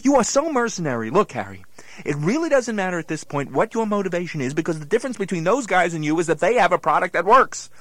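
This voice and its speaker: Animated, exasperated male straight man. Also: high-pitched, fast, dry recording. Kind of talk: scripted comedy dialogue for radio.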